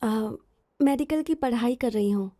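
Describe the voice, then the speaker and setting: A woman dubbing a spirited young female medical student who is quick to take offense. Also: a little high, soft background music. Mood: flustered. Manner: flustered, then sharp and angry.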